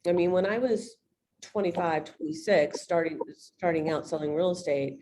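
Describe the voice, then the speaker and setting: A woman real estate agent coaching on a video call, a fast talker who speaks bluntly and directly. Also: lowish voice, noisy background.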